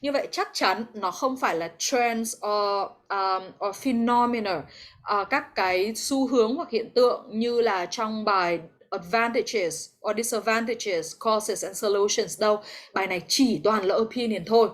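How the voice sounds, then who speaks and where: Speaking at a measured pace in a medium pitch, a woman English teacher with a Vietnamese accent runs an online class over video call. She is patient in her explanations and supportive of her students.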